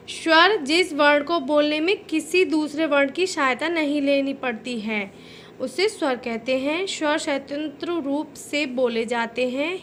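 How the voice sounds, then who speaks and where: Woman teacher with a Hindi accent, high voice, unhurried lesson delivery, faint hiss under the recording. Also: a bit bright. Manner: slow, careful, drawn-out sounding of letters, addresses listeners as "beta". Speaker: school teacher. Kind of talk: recorded Hindi grammar lesson for young children.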